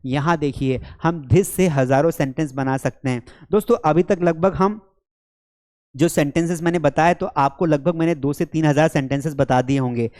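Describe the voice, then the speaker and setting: This spoken English teacher works at the board, calling out short paired sentences with energy and addressing students as beta and bhai. He speaks at a moderate pace in a darkish voice on the high side.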